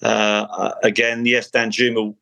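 A man's voice: fairly low pitch, little pitch movement, unhurried, gravelly, bright, forceful tone. A man giving his views as a guest in a casual football discussion.

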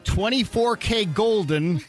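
A man's voice: high-pitched, slow pace. A man announcing game choices as a sidekick on a morning radio show. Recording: music bed behind voice.

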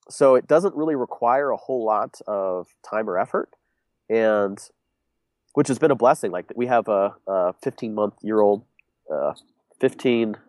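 A young man with a stuffed-up, congested voice answers interview questions in a loose, rambling way, full of ums and restarts. His voice sits fairly low and sounds dry and close, with little room around it. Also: a little mellow, no room sound. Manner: rambling, many fillers and restarts. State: congested, sick. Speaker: guest, business owner. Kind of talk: casual interview conversation.

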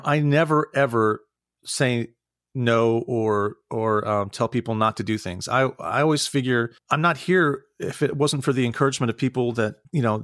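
A man's voice: medium pitch, a bit bright, no echo, studio quality. Earnest, self-deprecating male voice actor. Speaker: voice actor guest. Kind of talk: casual interview chat.

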